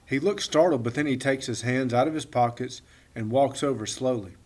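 A man narrating a children's story with gentle expression. His voice sits in a middle register and has a husky, breathy grain. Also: medium pitch, moderate pace. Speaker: audiobook reader.

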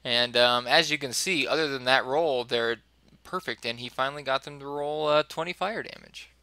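A man co-hosting a podcast, chatting casually about listener-sent game items in a relaxed way. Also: medium pitch, normal speed, clean tone, dry recording. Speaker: podcast co-host. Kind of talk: casual gaming chat.

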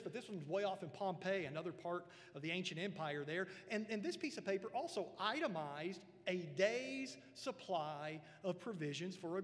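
A man's voice: sits high, a bit bright. A male pastor preaching a sermon in a church sanctuary, earnest and emphatic, often repeating words as he builds a point. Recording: long church hall reverb.

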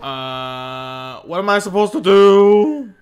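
A man's voice: high-pitched, lively intonation, slow pace. A man giving casual, wisecracking let's-play commentary while gaming, easily surprised. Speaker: gaming YouTuber. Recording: voice over game music.

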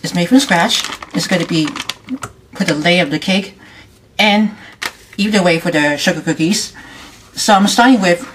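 A woman hosting a casual home cooking demonstration in her kitchen, talking in a halting, loose way with frequent restarts. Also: lowish voice, fairly bright tone, slight background noise. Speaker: home cooking show host.

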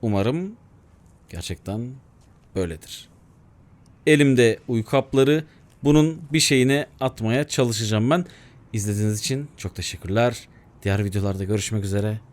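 A young man giving excitable let's-play commentary, muttering to himself and bursting into shouts. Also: lowish voice, normal speed, long pauses. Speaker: gaming YouTuber.

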